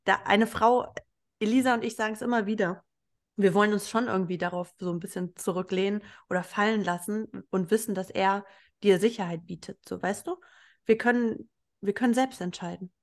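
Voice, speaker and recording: A woman's voice: medium pitch, fairly even intonation, brisk. Woman hosting a casual podcast. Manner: agreeable, reflective, asks questions. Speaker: podcast host.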